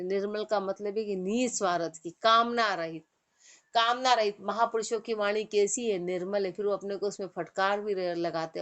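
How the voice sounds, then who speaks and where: A woman giving a devotional discourse who chants verse lines slowly and then explains them in plain, conversational speech. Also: medium pitch. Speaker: spiritual teacher.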